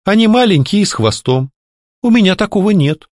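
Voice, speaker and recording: A man's voice: high voice, big pitch swings, brisk, darkish tone, dry recording, studio quality, pitched above the performer's own voice. A man voicing a bold young heroine who answers her captor in a teasing, sweetly mocking way.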